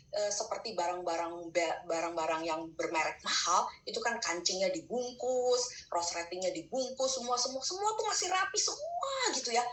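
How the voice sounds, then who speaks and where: Older woman telling an excited testimony. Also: on the high side, reverberant, poor audio. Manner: animated, gets excited and fast when retelling, quiet and hushed at reflective moments. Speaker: speaker sharing a testimony. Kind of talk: personal testimony storytelling.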